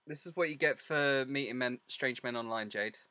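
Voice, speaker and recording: A man's voice: medium pitch, normal speed, sharp tone, clear, resonant tone. A man hosting a casual interview with teasing, dry humour. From Essex, England. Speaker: interviewer, host.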